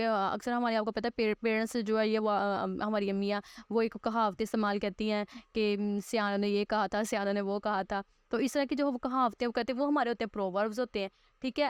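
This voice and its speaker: A woman teaching a school English lesson, reading English lines slowly and then explaining them quickly with fillers. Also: on the high side, clean tone, dry recording.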